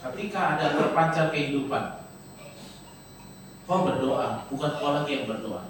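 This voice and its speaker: A male pastor preaches in a chatty, storytelling manner, shifting quickly between narration and scripture. His voice carries from a distance across a huge, ringing church hall. Steady noise sits under the sound. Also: on the high side. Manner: lively, conversational, animated storytelling. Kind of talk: sermon with storytelling. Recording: echoey church hall from far off.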